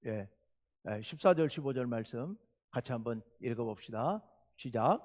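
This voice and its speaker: A male pastor preaching a sermon, telling a story with loud outbursts and quiet asides. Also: mid-range voice, animated, moderate pace, in a large hall. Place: church sanctuary.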